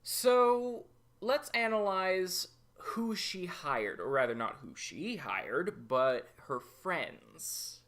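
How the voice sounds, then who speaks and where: Hosting a review show, a man gives commentary on an episode in a bright voice with lots of pitch movement. He's in no rush, setting out his opinions slowly and deliberately.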